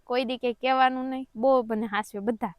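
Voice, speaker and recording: Earnest young woman with a smooth voice. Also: a little high, fairly even intonation, fairly quick, dry recording. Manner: earnest, personal, heartfelt storytelling. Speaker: vlogger. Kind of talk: casual chat.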